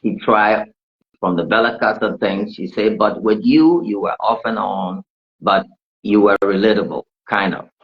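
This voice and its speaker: A man with a low voice conducts an interview, pressing his guest with challenges. He interrupts to push his point. The recording sounds dull and lo-fi. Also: fairly even intonation, measured pace. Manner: challenging, jumps in with follow-up questions. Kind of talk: probing interview questions. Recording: dull lo-fi audio.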